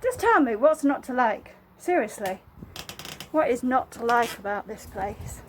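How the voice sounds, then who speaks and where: Breathy, high-voiced woman touring a house. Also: lively intonation, a little slow, a little hiss or hum. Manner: chatty and enthusiastic, addresses viewer directly. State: slightly out of breath from wearing a mask. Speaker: estate agent. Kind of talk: walk-through property tour. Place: house and garden, indoors and outdoors.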